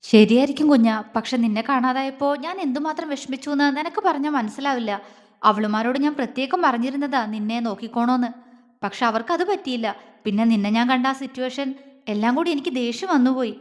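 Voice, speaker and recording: A woman voicing a protective young husband, gruff yet tender, in an audio love story. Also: high-pitched, brisk, long reverb tail, lightly acted. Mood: remorseful.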